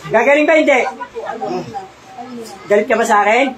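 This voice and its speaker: A man's voice: extremely high pitch, moderate pace. A man working as a faith healer, questioning a spirit insistently and repeating each question. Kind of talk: healing and exorcism session. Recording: crowd noise behind. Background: crowd of onlookers.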